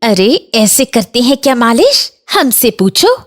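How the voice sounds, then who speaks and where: A woman's voice: a little high, sing-song, unhurried, pitched above the performer's own voice. A woman voicing a bossy, demanding older aunt in a Hindi cartoon, complaining and scolding.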